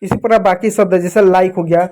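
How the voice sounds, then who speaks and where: A man teaching English reading to children, asking and answering his own questions and spelling out letters slowly. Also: high-pitched, fairly even intonation, dark tone. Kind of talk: spoken phonics lesson for children.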